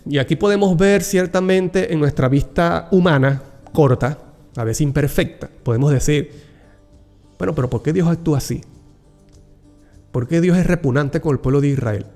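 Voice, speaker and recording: A man's voice: a little high, moderate pace, long pauses, a little mellow. A man preaching a Bible reflection, earnest and personal, calling the listener dear brother. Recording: long hall reverb with faint music behind.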